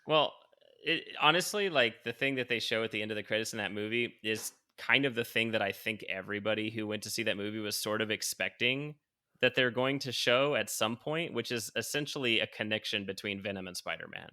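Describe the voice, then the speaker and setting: A man's voice: fairly low pitch, brisk, pushed and bright. Laid-back rambling man on a podcast. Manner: rambling, filler-heavy, swears freely. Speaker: podcast co-host. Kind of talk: casual chat.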